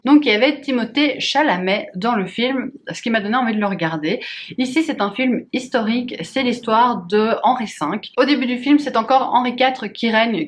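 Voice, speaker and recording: A young woman with a fairly high voice chats to camera about films she watched. She is candid and opinionated, and she speaks casually from her apartment in the city. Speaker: booktuber reviewing films and series. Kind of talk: casual monthly review vlog.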